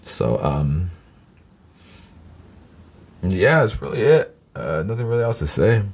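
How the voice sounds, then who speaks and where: A man's voice: low-pitched, very animated, slow pace, creaky, a little mellow, slight background noise. A young man casually rambling to camera before a music reaction, swearing freely and laughing easily. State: has hiccups.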